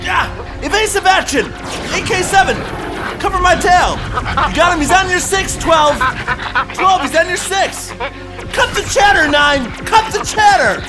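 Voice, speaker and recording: A man playing a frantic starfighter commander shouting urgent battle orders in a comic sci-fi war radio play. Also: very high-pitched, sing-song, unhurried, few pauses, music in the background, crowd noise, full character voice.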